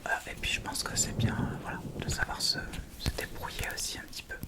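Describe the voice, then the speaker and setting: In a relaxed ASMR makeup tutorial, the female host keeps a brisk pace while speaking in a soft, breathy whisper. Her tone is chatty and informal, and she seems to be thinking out loud as she goes.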